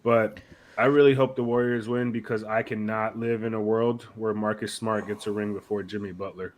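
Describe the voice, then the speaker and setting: Raspy hoarse guy chatting sports, slangy and blunt, swears a bit. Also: on the low side, little pitch movement, normal speed. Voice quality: raspy, rough voice. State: hoarse, sick. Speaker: sports podcast co-host. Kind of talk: casual sports chat.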